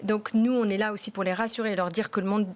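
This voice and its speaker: A woman's voice: medium pitch, fairly even intonation, quick pace, darkish tone. A woman founder being interviewed on a TV studio set, explaining in an earnest way and repeating words for emphasis. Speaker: company founder as interview guest. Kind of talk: TV interview answers.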